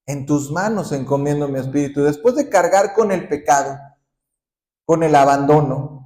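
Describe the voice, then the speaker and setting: A man pastor preaching a sermon, often asking the congregation questions and ending points with a quick "¿sí?". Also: fairly high pitch, darkish tone. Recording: roomy echoing hall.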